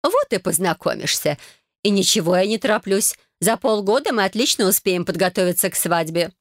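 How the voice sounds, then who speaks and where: A woman's voice: medium pitch, expressive, brisk, no echo, studio quality, natural voice. A woman voicing a bossy, effusive mother who talks over everyone in an audiobook. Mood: gushing. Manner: effusive, steamrolling, chatters on. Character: gushing bossy mother planning a wedding. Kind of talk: audiobook character voice.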